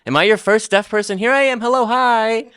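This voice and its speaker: A man's voice: high-pitched, fairly quick, a bit bright, clean tone. A man working as an interpreter, speaking a live translation voice-over in the first person for a presenter who signs. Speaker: sign language interpreter voicing a deaf presenter.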